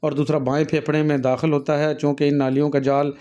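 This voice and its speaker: This male nursing and health teacher speaks a little high, fast and flat, with a dark tone. He lectures patiently on anatomy, guiding the class through diagrams, repeatedly saying "beta" to students, and often stumbles into fillers and self-corrections.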